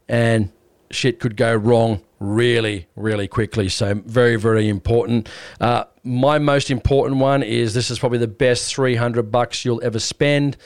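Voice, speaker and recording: A man's voice: medium pitch, clean tone, dry recording, clean studio sound. A man with an Australian accent hosting a podcast in a casual, blokey, plain-spoken way. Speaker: podcast host. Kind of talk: casual hunting podcast talk.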